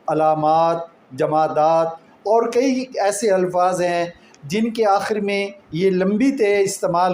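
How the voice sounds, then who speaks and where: Male Quran teacher with a Pakistani Urdu accent, high voice, slow and patient delivery, echoey room with faint background noise. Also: darkish tone. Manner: patient, explains step by step with examples. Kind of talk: slow explanatory lesson.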